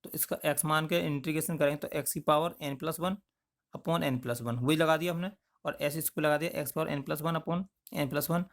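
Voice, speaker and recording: A man's voice: on the high side, steady tone, normal speed. A man teaching maths, explaining each step aloud and often checking in with "okay" as he works through the problems. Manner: explains in plain spoken steps, with frequent checks like "okay".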